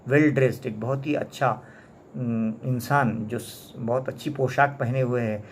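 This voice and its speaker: Indian teacher explaining a text line by line. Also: male voice, medium pitch, fairly even intonation, measured pace, slight background noise. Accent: Indian English. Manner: translates line by line, often adds "isn't it?" tags. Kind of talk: classroom lesson explaining a story.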